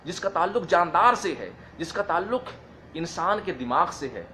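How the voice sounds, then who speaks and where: Brief: man, fairly high voice, earnest and repetitive, faint background hum, casual advice talk. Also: lively intonation, sharp tone, low-quality recording. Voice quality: modest, apologetic about his English. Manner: earnest, repetitive, reads long list slowly. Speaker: advice speaker on careers.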